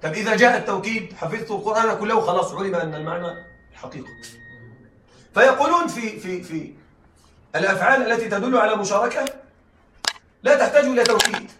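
A male teacher lectures a class, laughing lightly as he explains and often checking that students are following. His high-pitched, somewhat bright voice is fast but pauses often. The mic sits at a distance in an echoey room, with a little hiss or hum.

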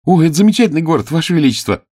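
A man's voice: a little high, sing-song, racing, mellow, no echo, studio quality, voice pushed up. A man voicing an earnest, brave young girl disguised as a page in an audiobook drama, speaking in a raised, pleading voice.

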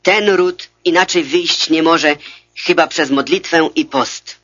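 Soft music plays in the background as a man with a fairly high voice solemnly reads Jesus's words, voicing him as a calm adult teacher. The reading is measured, and the recording is dull and lo-fi.

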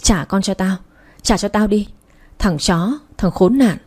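Brief: woman reading an enraged young mother, bitter and insulting, in a warm, mellow tone. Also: mid-range voice, expressive, brisk, husky. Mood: furious, pleading. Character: furious young mother fighting for her baby.

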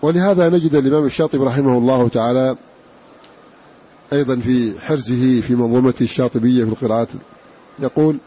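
A man lectures on the variant readings of the Quran, slowly repeating and stretching the words he explains. His voice is dark and husky. The recording sounds dull and lo-fi. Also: mid-range voice, steady tone. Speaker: Quran recitation teacher.

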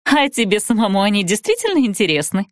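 A woman voicing a haughty, capricious young blonde woman who speaks in a drawn-out, imperious, snappish way. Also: medium pitch, sing-song, no echo, clean studio sound, lightly acted. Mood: condescending.

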